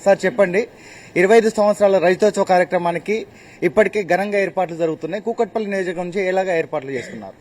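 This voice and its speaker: Casting: male TV field reporter, high voice, brisk formal delivery. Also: darkish tone. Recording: faint ambient noise.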